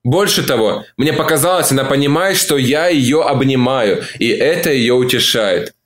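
A man reading a novel aloud as an audiobook, narrating in the first person at a measured, calm pace. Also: mid-range voice.

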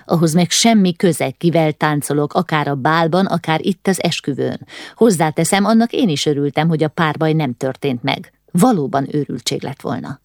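A woman voicing a defiant, proud young woman speaking with steady calm. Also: deep voice, dry recording, studio quality.

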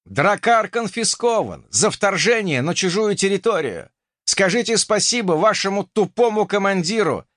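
Figure: a man doing a cocky young hero. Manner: mocking, lively taunts. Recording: dry. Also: sits high, moderate pace, no echo, voice pushed up. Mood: taunting.

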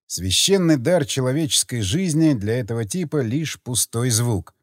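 Expressive male audiobook narrator. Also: medium pitch, normal speed, no echo, clean studio sound. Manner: expressive, tense storytelling. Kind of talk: dramatic first-person narration.

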